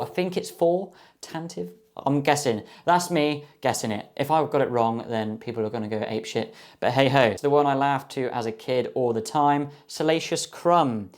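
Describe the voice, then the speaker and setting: Young man, casual card-opening chatter, enthusiastic, hesitant guesses, mid-pitched voice. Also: a little mellow. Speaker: card box opener. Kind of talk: casual box-opening commentary.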